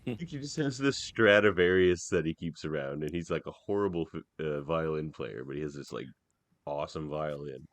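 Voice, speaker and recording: A man's voice: extremely low pitch, normal speed, no room sound. A man co-hosting a podcast, chatting casually and giving blunt opinions on a film. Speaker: podcast co-host.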